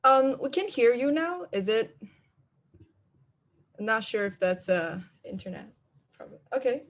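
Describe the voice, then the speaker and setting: Unhurried and a little high-pitched, a woman with big pitch swings moderates a conference over online video. She introduces each speaker hesitantly, full of fillers and uncertain about how names are pronounced.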